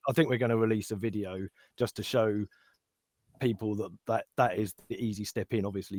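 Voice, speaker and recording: A man's voice: low-pitched, no echo, clean studio sound. A British man chatting casually in a voice chat Q&A, plain-spoken and full of British slang. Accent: British English. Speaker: crypto project team member.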